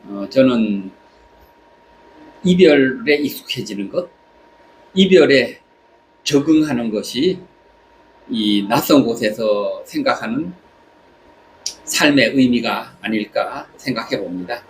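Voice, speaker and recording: A man from South Korea speaking a reflective personal monologue, haltingly, pausing between short phrases. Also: mid-range voice, lively intonation, poor audio. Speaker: vlogger. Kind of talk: reflective spoken monologue while travelling. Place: on holiday in Southeast Asia. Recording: clear background ambient noise.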